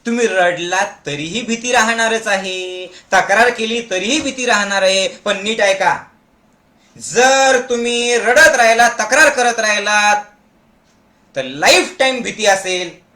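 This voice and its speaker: A man leading a motivational meditation camp, forcefully urging his listeners to shout back, mixing in Hindi and English phrases. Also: sits high, measured pace. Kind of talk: motivational speech to an audience. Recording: echoey room.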